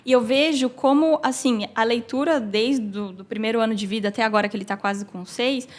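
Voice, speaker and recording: High-voiced mother chatting. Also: fairly quick. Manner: lively, explanatory, sprinkles talk with "né" and "assim". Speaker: podcast co-host, mother of three. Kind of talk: casual podcast chat.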